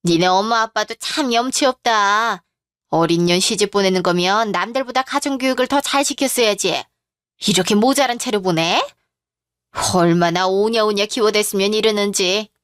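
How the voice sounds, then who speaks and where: A woman voicing a domineering, sharp-tongued older mother-in-law in a radio drama, with a scolding manner. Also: medium pitch, normal speed, clean tone, no room sound, studio quality, natural voice. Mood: contemptuous.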